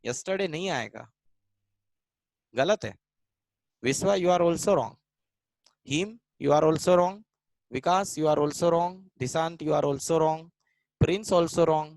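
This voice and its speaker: A man's voice: a little high, drawn-out words, vocal fry, pauses often, darkish tone, no room sound, low-quality recording. A man teaching English grammar in a live online class in Hindi, mixing in English, repeating lines and calling students by name. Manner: switches between Hindi and English mid-sentence.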